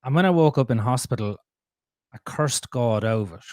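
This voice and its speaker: A man telling his life story as a podcast guest, blunt and animated, swearing freely. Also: medium pitch, normal speed, no echo. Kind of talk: candid conversational storytelling.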